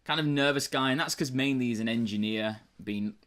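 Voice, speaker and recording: A man's voice: medium pitch, fairly quick, fairly bright tone. A young British man co-hosting a book review chat, talking casually and rambling with lots of fillers and restarts. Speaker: book review podcast co-host.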